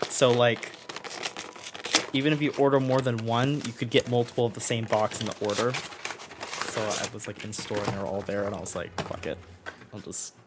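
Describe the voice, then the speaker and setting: A man's voice: medium pitch, steady tone, a little fast, very noisy. A man chatting casually on a live stream, playful and laughing often as he toys with how words sound. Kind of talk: casual live-stream chat while opening cards.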